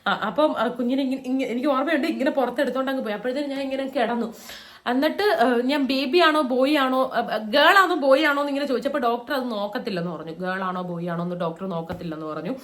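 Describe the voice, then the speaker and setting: A woman's voice: high-pitched, fast. A young woman tells a personal story in a casual, chatty vlog, acting out quoted lines in raised voices. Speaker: vlogger.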